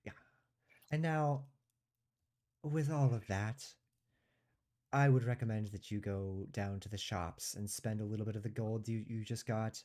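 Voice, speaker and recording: A man's voice: lowish voice, steady tone, measured pace, pauses often, a little mellow. A man acting as game master, narrating and guiding players through a tabletop game session.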